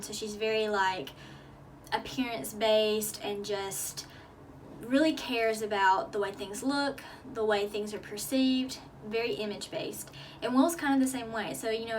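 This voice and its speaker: A woman's voice: mid-range voice, distant mic, slight background noise. A young woman casually reviewing a book for her vlog, chatty and upbeat, a little out of breath and full of fillers. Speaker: book vlogger.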